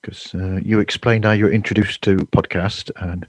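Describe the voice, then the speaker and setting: A man with a very low voice hosts a casual podcast chat from a headset, often stumbling and restarting his sentences. The sound is dry and close, with no room around it. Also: fairly even intonation, moderate pace, no echo, rough recording. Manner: chatty, stammering restarts. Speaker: podcast host. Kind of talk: casual chat over a video call.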